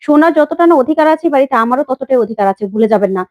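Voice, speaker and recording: A woman voicing a defiant young woman who scolds her elders in sharp retorts, in a retold serial story. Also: sits high, lively intonation, rapid-fire, dry recording.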